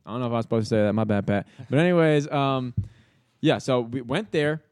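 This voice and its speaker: A young man tells a story as a podcast guest, rattling it off at a quick clip. His delivery is loose and full of slang, and he slips into the voices of the people he quotes. His pitch sits in an ordinary middle range. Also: a little mellow, clean tone. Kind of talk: casual storytelling chat.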